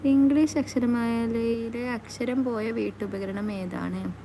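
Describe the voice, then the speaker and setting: A woman chatting casually on a live stream, reading out comments and teasing her viewers in a playful, quick back-and-forth. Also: on the high side, fairly even intonation, background noise.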